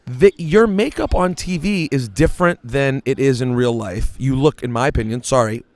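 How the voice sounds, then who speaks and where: A man's voice: mid-range voice, normal speed, no echo. A man hosting a podcast interview, joking and a little flustered as he talks. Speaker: host. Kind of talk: casual interview chat.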